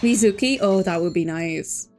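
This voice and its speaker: Over soft background music, a woman with a medium-pitched, darkish voice talks at a normal speed. She's chatting casually with viewers on a game livestream, playfully repeating words and stretching them out.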